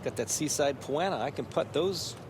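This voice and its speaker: A man's voice: a little high, moderate pace. A man giving conversational live golf commentary in short, clipped observations. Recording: noisy outdoor ambience.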